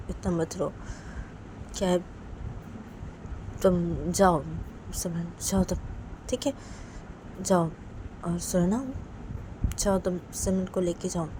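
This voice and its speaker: A woman voicing a worried mother in a storybook tale, speaking softly and coaxingly. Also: medium pitch, noisy background, close to an everyday voice. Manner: soft, coaxing. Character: gentle worried mother seeing her daughter off.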